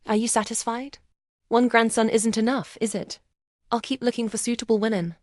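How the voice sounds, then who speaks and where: Woman doing a cold gloomy husband, quiet, bitter, storybook reading, dry sound. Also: a little high, steady tone, normal speed, no room sound, close to an everyday voice.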